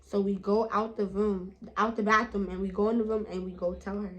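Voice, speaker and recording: A woman's voice: medium pitch, flat delivery, fairly quick, dull audio. A young woman, telling a trip story in slangy casual chat with many asides to viewers. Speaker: vlogger.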